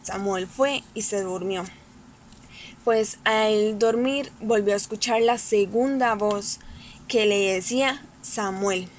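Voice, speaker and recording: A woman Sunday school teacher at home, telling a Bible lesson to children in a slow and repetitive way. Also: medium pitch, slight background noise.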